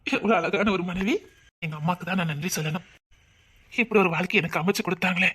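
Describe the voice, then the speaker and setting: A woman's voice: fairly low pitch, fast, fairly bright tone, husky. A woman with a Tirunelveli Tamil accent playing a doting young husband who fondly teases his wife. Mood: affectionate. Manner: fond, chatty, teasing.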